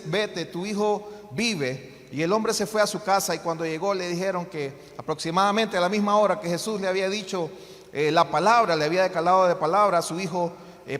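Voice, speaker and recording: A man's voice: high-pitched, a bit bright. A man preaching a sermon as pastor, with many hesitant fillers, lifting his voice to fervent cries when he quotes pleas from scripture. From Honduras. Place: church hall. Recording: long hall reverb.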